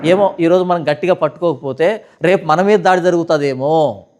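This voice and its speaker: A man's voice: a little high, normal speed, darkish tone. A man, a pastor answering questions in a heated session, who argues hard and keeps firing rhetorical questions. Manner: argumentative, fires rhetorical questions.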